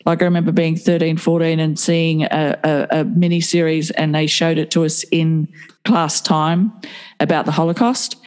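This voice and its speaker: A woman's voice: sits low, steady tone, moderate pace, a little mellow. A middle-aged woman with an Australian accent, chatting casually and reflectively, feeling her way through phrases. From Sydney, Australia. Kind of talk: casual conversation.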